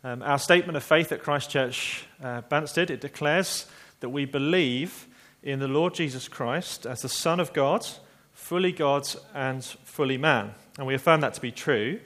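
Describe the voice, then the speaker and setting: With a medium-pitched voice, a man tells a story earnestly during a sermon, slowing and quieting his delivery to emphasize points.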